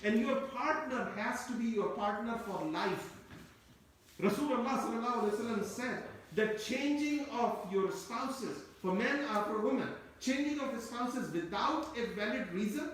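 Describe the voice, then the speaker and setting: With an extremely high-pitched voice, a Quran teacher whose first language was Turkish explains scripture in a tafseer lecture, rambling and repeating himself as he goes. He's recorded from afar in an echoey room with slight background noise.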